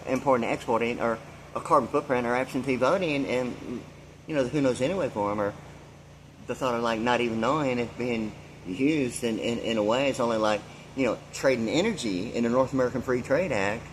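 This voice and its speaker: In a poor recording carrying some hiss or hum, a man in his sixties with a mid-range voice delivers a rambling vlog monologue. He free-associates as he goes, wandering through fillers and loose asides.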